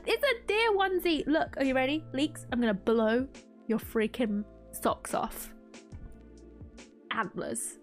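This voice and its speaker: High, giggly woman streamer. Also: unhurried, faint music behind. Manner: giggly, frequent laughter and squealing outbursts. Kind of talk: casual gameplay commentary.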